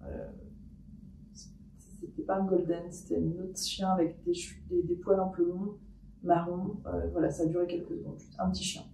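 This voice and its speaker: A woman with a mellow, darkish voice talks her way through a paranormal experiment at home, hesitant and full of pauses and restarts. She sits away from the mic in an echoey room, so her voice sounds distant and roomy. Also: on the low side, level tone, creaky, slight background noise. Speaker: paranormal investigator. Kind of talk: paranormal experiment vlog, thinking aloud.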